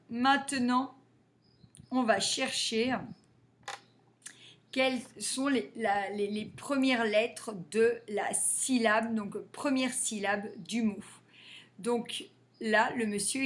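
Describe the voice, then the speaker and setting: A woman teaching a phonics lesson to young children, sounding out letters and syllables slowly and carefully. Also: fairly high pitch, steady tone, fairly bright tone, slight background noise.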